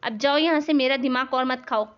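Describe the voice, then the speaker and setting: Give me a woman playing a hot-tempered spoiled young cartoon daughter, high-pitched and bossy, on a slightly muffled recording. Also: fairly quick, natural voice. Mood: angry. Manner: snapping, bossy, shouting. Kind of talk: animated cartoon voice acting.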